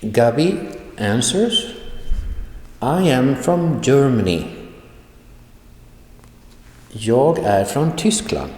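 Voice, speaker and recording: A man teaching a language lesson, reading short dialogues and translating them slowly, repeating words for his learners. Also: mid-range voice, big pitch swings, darkish tone, a little hiss or hum. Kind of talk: recorded online lecture, reading dialogues and translating. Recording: echoey room with long reverb.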